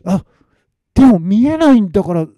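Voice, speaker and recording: A man's voice: very animated, normal speed, mellow, no echo, muffled recording. A man doing a flustered, stammering young man. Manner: flustered, stammering, high-pitched.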